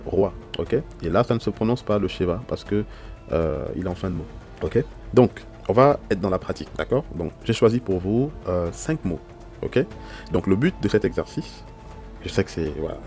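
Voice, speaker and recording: A man with a deep, low voice teaches an online lesson. He explains patiently and step by step, often pausing to check that listeners follow. Faint music plays under his voice. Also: a little mellow. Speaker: Hebrew teacher.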